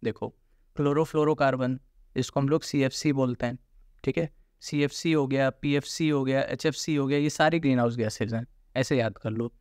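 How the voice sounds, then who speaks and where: A man's voice: medium pitch, fairly even intonation, moderate pace, darkish tone, clear, resonant tone, no echo, clean studio sound. A man giving an informal exam-prep lesson, explaining step by step and often adding tag questions for his students. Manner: informal, repeats tag questions, mixes English terms. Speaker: exam coaching teacher.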